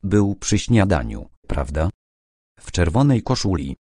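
A man voicing a nervous young woman in an audiobook, who speaks quietly and hesitantly, in his own low voice. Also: very animated, unhurried, breathy edge, dry recording, studio quality, heavily acted. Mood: shaken. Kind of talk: audiobook character reading.

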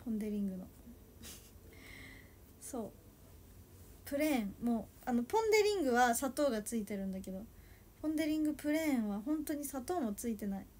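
A woman in her twenties chatting casually on a solo livestream, soft and a little sleepy, sometimes dropping to a murmur. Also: a little high, expressive, brisk, pauses often, slight background noise. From Japan. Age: 20s. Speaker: idol livestreamer.

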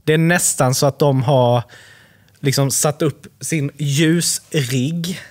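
A man's voice: a little high, dry recording. A man co-hosting a podcast, ranting bluntly in casual chat. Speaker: podcast co-host.

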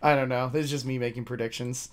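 Male reaction streamer, medium pitch, casual and rambling commentary delivered off the cuff. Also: steady tone, fast talker.

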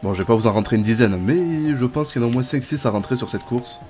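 A man's voice: medium pitch, fast talker, soft background music. A young man giving casual, chatty gameplay commentary as a gaming YouTuber. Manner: chatty, bursts into excited shouts and laughs.

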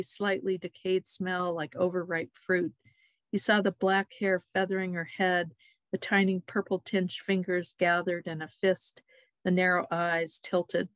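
A woman reads aloud from her own novel, measured and quiet. Her voice sits a little low, and the recording is dry and close, with no room around it. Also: dry recording. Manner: measured, quiet reading with small slips. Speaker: author reading her novel. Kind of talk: literary reading.

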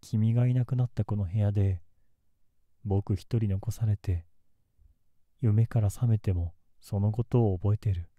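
A man playing a gentle, melancholy young man in love, in a soft, intimate ASMR role-play close to the mic. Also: on the low side, measured pace, pauses often, dry recording, highs cut off. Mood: sorrowful. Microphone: close ASMR microphone in a dry space.

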